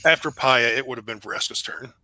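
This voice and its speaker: Bright-voiced man running a tabletop game. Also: mid-range voice, lively intonation, fast, no echo. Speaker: game master.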